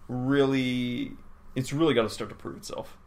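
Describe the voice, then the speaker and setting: Tired guy rambling on a podcast, gravelly voice, keeps restarting his sentences. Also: medium pitch, fairly even intonation, moderate pace. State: tired, yawning. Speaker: podcast co-host. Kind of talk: casual chat.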